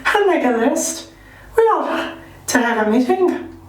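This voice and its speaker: A man's voice: extremely high pitch, sing-song, measured pace, voice pushed up, heavily acted. A man voicing an anxious, eager-to-please fat schoolboy with glasses in a fussy way. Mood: earnest. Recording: roomy sound, distant mic.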